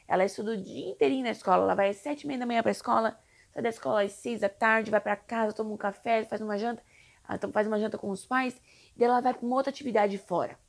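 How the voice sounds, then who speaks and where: A woman's voice: fairly high pitch, steady tone, quick pace, vocal fry. A young woman from Brazil, an English teacher for children, explaining in a chatty, reassuring way with frequent tag questions. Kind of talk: casual explainer video.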